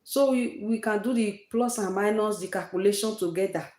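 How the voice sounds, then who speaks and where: A Nigerian woman with a Nigerian accent hosts a casual livestream chat, repeating herself emphatically and using Nigerian fillers like "eh" and "oh." Her medium-pitched voice has a darkish tone at normal speed, and the room sounds echoey.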